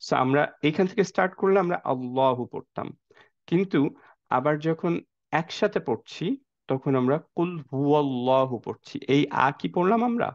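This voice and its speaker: A man's voice: fairly high pitch, expressive, normal speed, vocal fry, dry recording, highs cut off. A man teaching a class on Quran reading, explaining patiently, putting questions to his students and mixing English words into his talk. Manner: mixes English words into speech. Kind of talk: classroom lecture.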